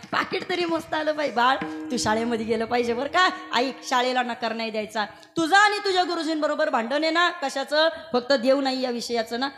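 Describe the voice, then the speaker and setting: A woman voicing a devout pilgrim father who gently coaxes his son to go to school. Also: high-pitched. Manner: gentle coaxing advice.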